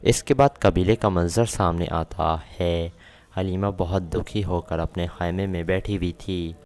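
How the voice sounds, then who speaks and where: A male narrator retelling a drama episode scene by scene in a steady, matter-of-fact way. His voice is very deep and barely moves in pitch. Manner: steady plot retelling with quoted lines.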